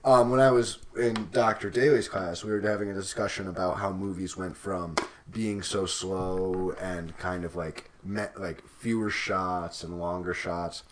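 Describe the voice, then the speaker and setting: A young man co-hosting a casual podcast, explaining things in a relaxed way with dry teasing. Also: low-pitched, a little slow, a little hiss or hum. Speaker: podcast co-host.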